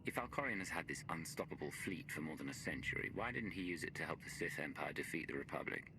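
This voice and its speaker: A man's voice: rumbling low, expressive, fast talker, background noise. An actor playing a terse, wary, hardened male hero in a sci-fi game. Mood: wary, skeptical. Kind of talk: cinematic game dialogue.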